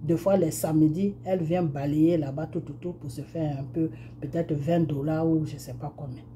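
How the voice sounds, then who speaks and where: A middle-aged woman from Côte d'Ivoire speaks with an Ivorian French accent and a very dark, mellow tone. She recounts a personal testimony in a relaxed conversational way, full of fillers and acted-out dialogue. A faint noise sits under her voice. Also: deep voice, normal speed. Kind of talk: spoken testimony, storytelling.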